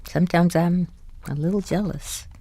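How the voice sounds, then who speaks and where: In an audio drama, an actress plays a wry, indulgent older wife, narrating her story confidingly in the first person. Her voice is lowish and warm, at a moderate pace, in a dry recording.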